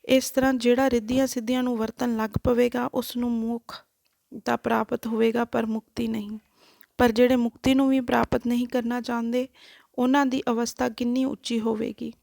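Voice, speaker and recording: A woman narrating a devotional life story in a measured, reverent way. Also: fairly high pitch, level tone, gravelly, darkish tone, no echo, studio quality.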